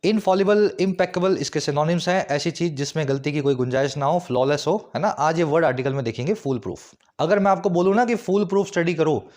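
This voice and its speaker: A man with a slightly raised voice teaches English vocabulary, explaining each word in Hindi. He keeps checking that students follow with quick rhetorical questions, and he slows right down to read each English example sentence. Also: a little high, darkish tone. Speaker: English tutor. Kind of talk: vocabulary lesson.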